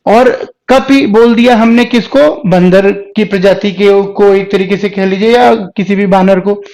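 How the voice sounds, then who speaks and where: A man teaching a Hindi grammar class. He asks questions and answers them himself, and repeats words slowly to show how they are pronounced. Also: sits high, a little mellow. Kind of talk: classroom lecture.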